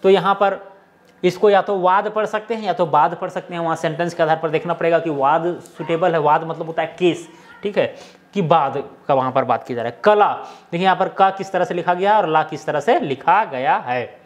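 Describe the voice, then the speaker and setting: A man's voice: a little high, brisk. A man explaining a script lesson step by step, often checking in with the viewer. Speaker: teacher.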